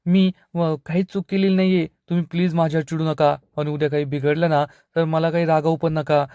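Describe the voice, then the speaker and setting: A flustered young daughter protests defensively to her father, voiced by a man recapping a serial. The delivery is hurried and slightly high, with a mellow tone. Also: flat delivery, smooth, no echo, dull audio, natural voice.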